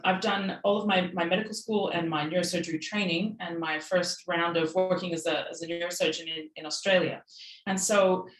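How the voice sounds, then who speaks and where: A woman from Peru giving a measured, thoughtful online talk over a video call, pausing softly with fillers. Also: lowish voice, roomy sound, poor audio. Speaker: guest speaker.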